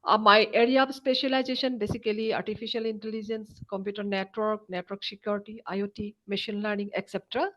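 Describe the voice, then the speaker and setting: A woman's voice: medium pitch, level tone, fast talker, few pauses, a bit bright, dull audio. A woman professor, formally introducing herself on a video call. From India. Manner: formal, list-like. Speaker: computer science professor, head of department.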